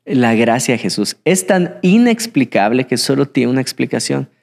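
A young man preaching a sermon, swinging between excited bursts and hushed, reflective passages. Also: mid-range voice, normal speed, gravelly. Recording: hall with long reverb.

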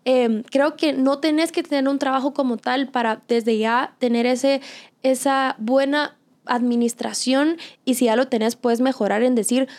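A woman's voice: high voice, steady tone, measured pace, darkish tone. A young woman, hosting a casual faith-based chat and giving earnest, encouraging advice with many fillers.

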